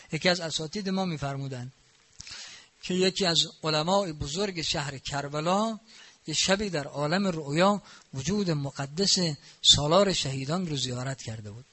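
A man's voice: on the high side, sharp tone. A man preaching a sermon, telling stories in a conversational way and scolding with emphatic rhetorical questions. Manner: conversational, anecdotal narration. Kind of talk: sermon with storytelling.

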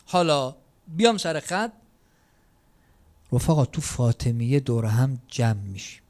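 A man preaching a sermon, shifting between loud emphatic declarations and quiet asides. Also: sits high.

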